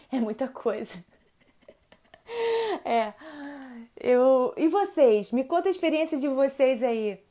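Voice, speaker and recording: A woman's voice: high-pitched, takes it slowly, long pauses. A woman in her forties with a Brazilian accent, a mother hosting a live stream about teenagers and chatting casually with viewers, acting out quoted dialogue as she tells stories. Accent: Brazilian Portuguese. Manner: lively storyteller who acts out quoted dialogue.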